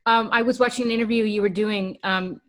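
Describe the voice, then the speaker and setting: A woman hosting an interview podcast, asking questions in a relaxed conversational way with frequent ums. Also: mid-range voice, brisk. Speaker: podcast host. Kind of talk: casual interview chat.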